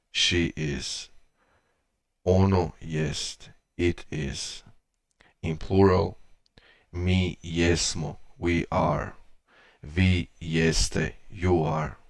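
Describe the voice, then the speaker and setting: Male teacher, very deep and gravelly, unhurried measured delivery. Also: dry recording. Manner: measured, pausing, reads word pairs in turn. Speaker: language teacher. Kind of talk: slow explanatory lesson.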